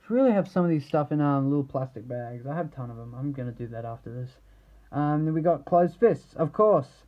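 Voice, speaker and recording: An action figure reviewer, a man, shows off a product in a loose, unscripted way, rambling haltingly and letting thoughts trail off. His voice sits in the mid range and sounds animated, and the recording is lo-fi.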